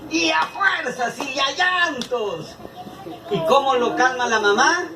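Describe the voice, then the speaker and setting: A Latin American man preaching a sermon in an animated way, acting out the people in his stories, with a Latin American Spanish accent. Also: extremely high pitch, slow pace. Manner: animated, acts out quoted voices. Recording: echoey room from far off, faint background noise.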